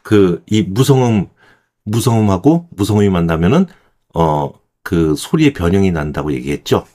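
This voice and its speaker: A man teaching English pronunciation in Korean, explaining step by step and slowing down to demonstrate each word. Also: low voice, sing-song, dark tone, slight background noise. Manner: demonstrates words slowly, then repeats them. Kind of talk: explanatory lesson.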